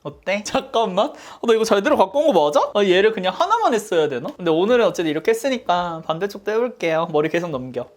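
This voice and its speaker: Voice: medium pitch, big pitch swings, quick pace, few pauses. A beauty vlogger chatting casually through a makeup tutorial, talking to themself and often breaking into surprised exclamations. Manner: chatty, talks to self, frequent surprised exclamations.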